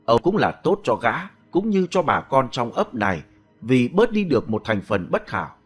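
A man narrating a horror story in a dramatic, expressive scripted reading. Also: medium pitch, moderate pace, slightly rough, faint music behind.

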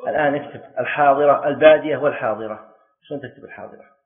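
A man leads a classroom lesson, his voice sitting in an ordinary middle pitch. He explains patiently, tosses questions to his students and echoes key terms twice. The recording sounds narrow and tinny, like a phone line. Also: very fast. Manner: explains step by step and quizzes students; repeats key words for emphasis. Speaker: teacher of Islamic jurisprudence.

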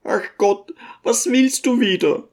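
A man reading an audiobook and voicing a fussy, pious, tearful old mother in a high, pleading voice. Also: slow pace, a little mellow. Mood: fretting. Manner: pleading, fretful, high-pitched. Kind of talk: audiobook character voice.

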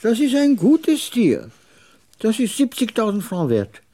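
A man putting on a haughty raspy old camel dealer. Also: sits high, wildly swooping pitch, a little slow, warm tone, voice pushed up, heavily acted. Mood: boastful. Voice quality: jagged, raspy voice. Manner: haughty, curt, mocking. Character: proud scornful old male camel dealer.

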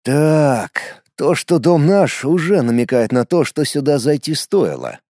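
A man narrating a first-person fantasy audiobook in a lively storytelling manner, close to the mic. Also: fairly high pitch, a little slow, no echo. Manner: lively storytelling with shouted character lines.

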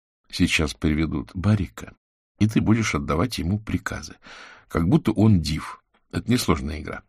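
A man narrating a story, voicing a calm and weary adult male sorcerer who speaks in a measured, reassuring way. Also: sits low, slightly rough, no room sound, clean studio sound, heavily acted. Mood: gentle.

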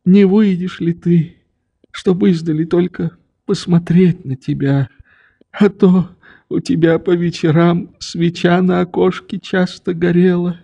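A man's voice: high voice, steady tone, unhurried, gravelly, warm tone, husky, dull audio, pitched above the performer's own voice, exaggerated voice. A man doing a pleading old father. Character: old grieving father, tender, begging forgiveness. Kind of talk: audiobook reading.

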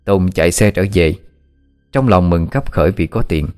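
A man narrating a ghost story in a measured, steady way. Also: low-pitched. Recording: faint background music.

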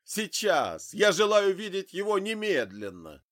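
A man voicing a drunk, grieving father who shouts in rage, in an audiobook. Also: high voice, wildly swooping pitch, a little slow, no room sound, studio quality, pitched above the performer's own voice, full character voice. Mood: enraged. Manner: shouting, raging. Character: drunk grieving father, tall middle-aged man, furious.

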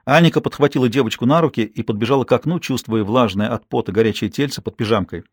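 A man's voice: medium pitch, quick pace, breathy edge, no room sound. Older male audiobook narrator, dry sound. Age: 60s. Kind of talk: scripted narration.

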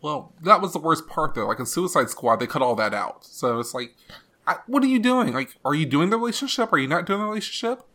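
A man's voice: on the high side, lively intonation, fast talker, bright, forceful tone. A man co-hosting a podcast in casual chat, rambling with lots of restarts and filler. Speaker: podcast co-host.

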